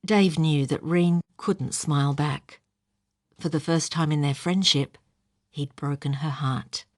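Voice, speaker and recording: A woman narrating a suspense novel in a steady reading. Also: low-pitched, slow pace, no room sound, clean studio sound. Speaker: audiobook narrator. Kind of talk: scripted narration.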